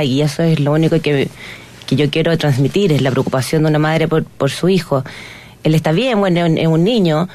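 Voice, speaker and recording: A Chilean woman in her thirties, a mother recounting an incident as an interview guest, animated and acting out the voices of others. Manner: animated, reenacts dialogue with shifts in pitch. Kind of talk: emotional personal account.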